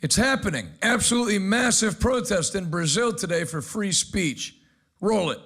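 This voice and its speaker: A man's voice: sits high, lively intonation, moderate pace, creaky, fairly bright tone. A man hosting a news commentary show, brash and sarcastic, introducing clips with punchy remarks. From United States. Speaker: host. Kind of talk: energetic commentary.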